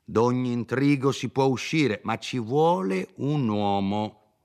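A man voicing a scheming, pompous older country lawyer with a smooth, condescending manner, in a dramatized reading of a classic novel. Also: mid-range voice, expressive, slow pace, darkish tone, pitched above the performer's own voice. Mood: slyly advising.

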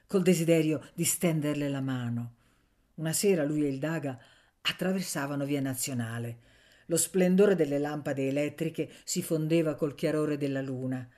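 A woman with a low, full voice reads a classic novel aloud for radio. Her delivery is measured and expressive, slowing down on key phrases. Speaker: audiobook reader. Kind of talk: literary reading for radio.

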